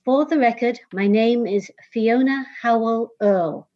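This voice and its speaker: A woman in her forties, from Scotland but raised in England and with an English accent, formally introduces herself at a public meeting as a senior management county auditor. Her slightly high voice is measured. The audio is remote, dull lo-fi video call sound.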